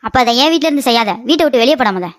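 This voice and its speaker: Woman voicing a sharp-tongued older mother-in-law. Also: high-pitched, expressive, no echo, studio quality. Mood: scolding. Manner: scolding, quick and sarcastic. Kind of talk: cartoon comedy voice acting.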